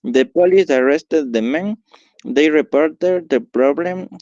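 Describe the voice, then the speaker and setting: Hesitant male student reader, slow, dull dry recording. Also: on the high side, darkish tone, no room sound. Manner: hesitant reading with restarts. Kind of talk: reading practice sentences aloud.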